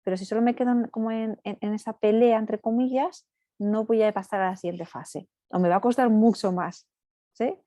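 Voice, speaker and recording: A woman family therapist giving a talk to parents, explaining in a steady teaching way with frequent "right?" tags. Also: on the high side, normal speed, no room sound, studio quality. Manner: acts out parents' and children's lines in passing.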